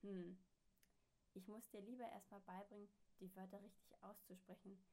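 A polite little boy in a children's storybook, voiced by a woman reading aloud. He speaks softly and quietly, with a slightly gravelly tone. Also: medium pitch, level tone, moderate pace, close to an everyday voice. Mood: gentle. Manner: soft, quiet. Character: small gentle boy, polite.

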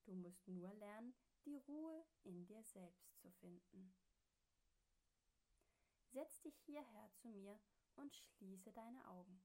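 A woman voicing an old hermit man in a storybook, slow and deep, booming when angered. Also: animated, warm tone. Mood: calm. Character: old hermit man on a mountain, calm then furious.

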